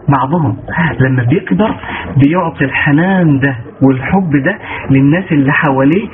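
A man with an Egyptian accent giving a motivational religious lesson, asking rhetorical questions and answering them himself. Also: a little high. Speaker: religious lecturer. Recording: tinny phone-like line with noise.

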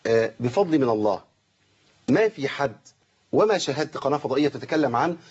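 A man with an Egyptian accent teaching Quran recitation, correcting students and slowly drawing out the recited words. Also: medium pitch, expressive, darkish tone, slightly rough, highs cut off. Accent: Egyptian Arabic. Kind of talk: tajweed lesson with recited examples.

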